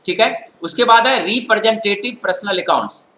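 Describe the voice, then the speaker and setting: High, bright-voiced male accounting teacher. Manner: explanatory, keeps checking understanding with tag questions; reads English definitions slowly, then explains them. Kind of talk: classroom lecture. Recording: echoey room with faint noise.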